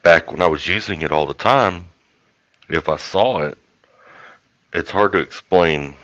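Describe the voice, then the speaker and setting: A man's voice: deep voice, unhurried, fairly bright tone, dry recording, lo-fi sound. A man with a South Texas accent chatting casually on a livestream in a folksy, rambling way. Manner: folksy, rambling, colloquial drawl. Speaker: YouTube host.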